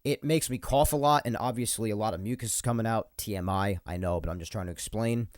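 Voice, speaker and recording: This is a casual solo podcast from a young male host from New York, his voice on the low side and quick, captured cleanly in the studio with no room sound on a podcast microphone. A cold leaves him a bit nasal and stuffy as he rambles, repeats himself, and chuckles between points.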